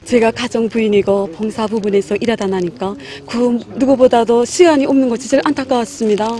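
Female graduate, North Korean accent, fairly high but soft dark tone, earnest statement. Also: fairly even intonation, fairly quick.

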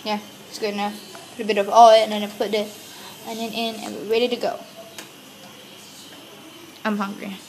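A woman's voice: mid-range voice, little pitch movement, normal speed, long pauses, darkish tone. A young woman chatting casually while cooking and filming in a small home kitchen at night, teasing her friend about how she cuts the food. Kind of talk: casual chat. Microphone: handheld phone camera. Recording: noisy kitchen with sizzling pan.

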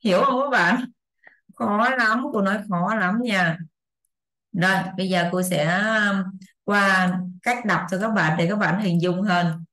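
A woman's voice: mid-range voice, steady tone, unhurried, sharp tone. Woman teaching in an echoey room. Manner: chatty, repeats examples, keeps checking understanding. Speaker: English teacher. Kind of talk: casual online lesson explanation. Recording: roomy echo.

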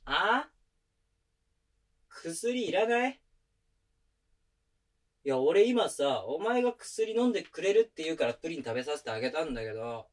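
This Japanese girlfriend-experience roleplay audio drama has a voice actor as a rough-spoken yet doting young boyfriend who coaxes and pampers his partner with tender teasing. His slightly high voice is very animated at a normal speed with long pauses, his rough slang eased by occasional soft close whispers captured on a binaural mic.

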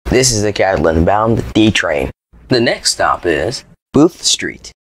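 Male transit announcer, airport-announcement style: formal, measured, slightly deep, animated intonation. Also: husky, no echo. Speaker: train announcer.

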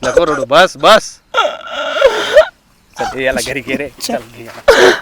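A man's voice: a little high, huge pitch swings, slow, a crowd in the background. A man with a rural Marathi accent playing a friend in a comedy sketch, coaxing and pleading with a distraught friend.

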